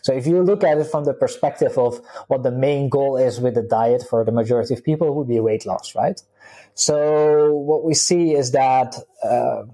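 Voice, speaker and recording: This clip has poor audio and features a mellow, medium-pitched man in his thirties from the Netherlands with a Dutch accent. He's a vegan health coach appearing as a guest in a relaxed interview. Chatty and quick to laugh, he fills his talk with fillers and restarts.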